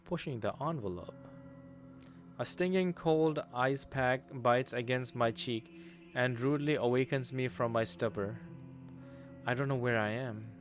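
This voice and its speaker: A young man streaming a game, reading the story aloud and reacting with casual swearing and loud outbursts. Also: medium pitch, unhurried. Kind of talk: let's play commentary and reading aloud. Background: game music.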